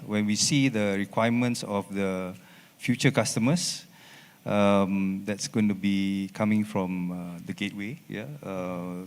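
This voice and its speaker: A man giving panel remarks in a hesitant way, with many fillers and tag questions. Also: low voice. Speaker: panel speaker. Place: conference hall. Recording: long reverb of a conference hall.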